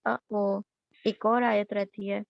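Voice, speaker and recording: A woman's voice: mid-range voice, level tone, creaky, no echo, highs cut off. A woman giving a Quran lesson word by word, repeating each gloss and asking questions as she explains.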